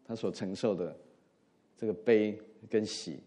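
A middle-aged pastor with a lowish voice preaches a sermon a little slowly. He is earnest, moving between emphatic rises and soft drops, and slips English words into his speech.

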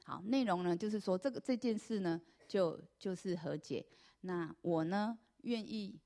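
A woman with a Taiwanese accent giving an earnest personal church testimony, telling her story with many drawn-out fillers. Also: fairly low pitch, gravelly, dark tone.

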